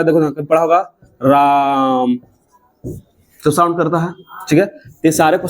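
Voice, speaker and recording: A man teaching a grammar lesson, repeating points and drilling students with questions. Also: on the high side. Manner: repetitive, drilling questions and answers.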